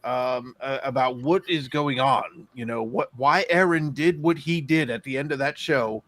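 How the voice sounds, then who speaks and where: A man playing a formal, theatrical horror host on a wrestling panel show, pompous and halting in delivery. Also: medium pitch, fairly bright tone, no room sound, lightly acted. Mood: formal, measured.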